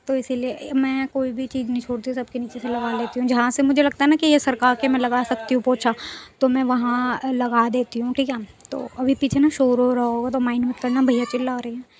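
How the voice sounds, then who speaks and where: A woman's voice: fairly high pitch, flat delivery, brisk, darkish tone. A young woman vlogger chatting casually as she narrates cleaning her home, repeating herself and checking in with listeners often.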